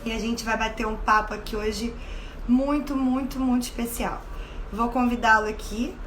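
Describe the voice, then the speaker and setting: Effusive high-voiced woman hosting a live chat. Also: fairly even intonation, moderate pace, a little hiss or hum. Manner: warm, effusive, laughs often. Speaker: host. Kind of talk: casual live-stream interview. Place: home. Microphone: video call.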